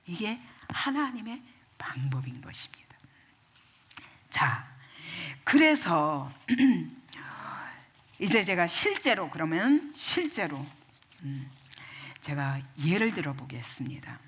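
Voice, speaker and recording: A woman pastor preaching a sermon at a church retreat. She acts out the quoted voices and swings from loud outbursts to hushed whispers. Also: lowish voice, big pitch swings, takes it slowly, pauses often, husky.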